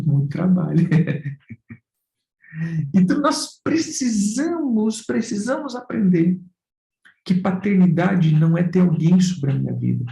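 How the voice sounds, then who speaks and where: A pastor with a Brazilian Portuguese accent preaches, firing off rhetorical questions and addressing listeners as brothers and dear ones. His voice is a little high, gravelly yet mellow, captured in a low-quality recording in an echoey room.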